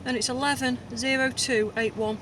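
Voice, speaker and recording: A police officer speaks in a crisp, procedural way at the roadside, questioning a driver and reading details over the radio. Background music runs underneath. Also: sits high, flat delivery, normal speed.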